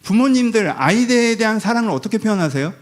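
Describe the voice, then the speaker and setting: Lively-pitched conversational male pastor. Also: quick pace. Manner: conversational, acts out quoted family talk. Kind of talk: sermon. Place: church sanctuary.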